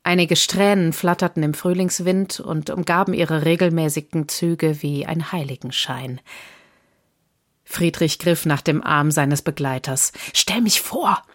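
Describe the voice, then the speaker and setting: A woman reads a novel aloud in a calm, measured storytelling voice. Her pitch sits low for a woman, giving the narration a grounded feel. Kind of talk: audiobook narration.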